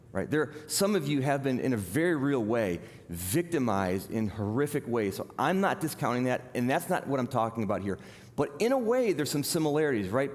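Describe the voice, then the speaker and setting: A man's voice: mid-range voice, darkish tone. A middle-aged man preaching a sermon as a pastor, talking in a conversational, self-deprecating storytelling way. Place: church hall. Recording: long reverb of a large hall.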